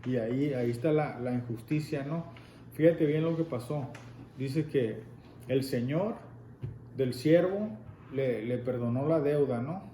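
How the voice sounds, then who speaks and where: A man's voice: mid-range voice, unhurried, dark tone. A man leading a Spanish Bible class, explaining scripture and prompting a reader to continue. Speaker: Bible teacher. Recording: echoey room with faint noise.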